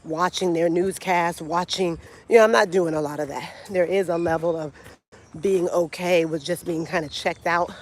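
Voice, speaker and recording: An American woman from the United States, a vlogger and travel coach, talks to camera in a casual vlog monologue. Her voice sits on the low side with a steady tone and moderate pace, and she comes across as opinionated and colloquial, as if addressing her followers.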